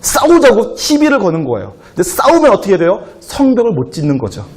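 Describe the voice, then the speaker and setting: A man's voice: high voice, huge pitch swings, brisk, a little mellow. A male pastor preaching to a youth congregation, asking the room rhetorical questions and acting out quoted speech. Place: church sanctuary. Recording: echoey church hall with faint ambience.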